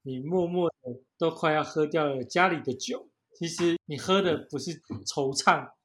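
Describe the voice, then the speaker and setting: A man's voice: on the high side, moderate pace, a bit bright. A man, chatting casually as a podcast co-host. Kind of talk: casual group chat.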